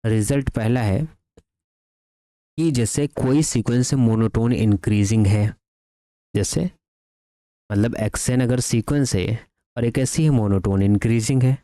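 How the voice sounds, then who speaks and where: A man giving a math lecture that mixes Hindi and English, dictating theorems slowly word by word and asking his students questions that he answers himself. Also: medium pitch, dark tone, no echo.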